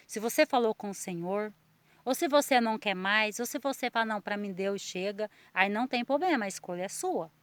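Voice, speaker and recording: A woman's voice: a little high, no room sound. A woman with a Brazilian Portuguese accent gives a personal religious testimony. She speaks earnestly and repeats herself, often checking that the listener understands. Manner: earnest, repetitive, keeps asking the listener if they understand.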